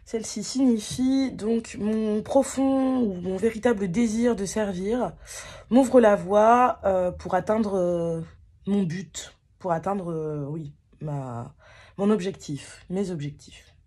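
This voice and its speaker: A woman's voice: medium pitch, slow pace, warm tone, husky. A woman giving a casual tarot card reading to her viewers, talking hesitantly with many fillers and restarts and poking fun at herself.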